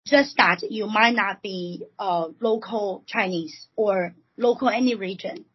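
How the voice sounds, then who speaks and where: A woman from Taiwan, a recruiting consultant speaking as a podcast guest, explaining at a measured pace with many fillers. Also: medium pitch, husky. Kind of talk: podcast interview. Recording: dull lo-fi podcast audio.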